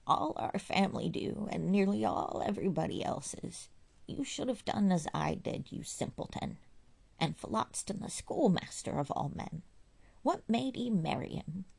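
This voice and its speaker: A woman's voice: mid-range voice, animated, unhurried, vocal fry, darkish tone, breathy edge, pitched above the performer's own voice, heavily acted. Woman doing a hollow-voiced crusty old aunt. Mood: grumbling. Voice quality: hollow, half-whispered. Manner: rustic dialect, grumbling. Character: crusty bedridden old aunt, blunt and scornful.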